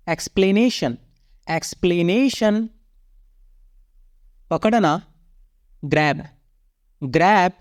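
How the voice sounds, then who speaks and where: A speaker reading a vocabulary drill in a measured, even way, saying each word and then repeating it. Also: medium pitch, dry recording, clean studio sound. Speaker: vocabulary teacher.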